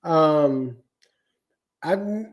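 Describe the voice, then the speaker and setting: A man's voice: a little high, lively intonation, very slow. Tired, easygoing man co-hosting. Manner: easygoing, says yep a lot. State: tired, yawning. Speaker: livestream co-host. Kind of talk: casual chat.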